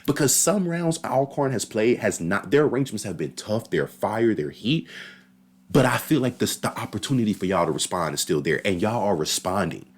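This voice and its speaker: A man giving casual, animated reaction commentary on a marching band battle, talking slangy and straight to his viewers. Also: fairly low pitch, moderate pace, breathy edge.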